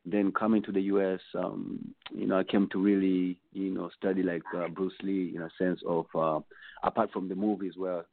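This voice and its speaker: This is a low-voiced man from Tanzania, flat in delivery and moderate in pace, with noticeable vocal fry. As a musician being interviewed, he rambles thoughtfully and uses plenty of fillers, heard through a dry, tinny phone connection.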